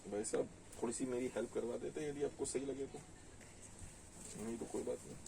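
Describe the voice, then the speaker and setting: A man's voice: medium pitch, steady tone, fairly quick, vocal fry, far from the mic, noisy background. A man with a Delhi Hindi accent who runs a saree shop, chatting casually as he shows garments and reads out prices and sizes. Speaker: saree shop owner selling online. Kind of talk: casual sales talk showing garments.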